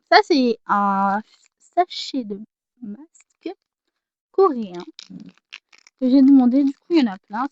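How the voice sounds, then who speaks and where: A woman's voice: high voice, fairly bright tone, no room sound, highs cut off. A teenage girl chatting casually as she shows off her gifts, self-mocking and easily distracted. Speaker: vlogger. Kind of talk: casual haul vlog.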